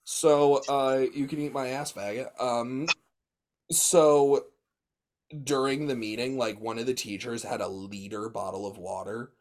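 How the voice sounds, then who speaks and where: A man co-hosting a podcast, telling animated stories in casual chat with crude jokes. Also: mid-range voice, measured pace. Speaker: podcast co-host; teacher.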